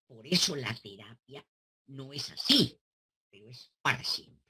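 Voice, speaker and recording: Woman therapist, animated delivery, bright, a bit husky, lots of rhetorical questions. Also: very deep voice, a little slow. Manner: animated, teaching through examples and rhetorical questions. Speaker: psychoanalyst. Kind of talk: explaining to a caller on a talk show.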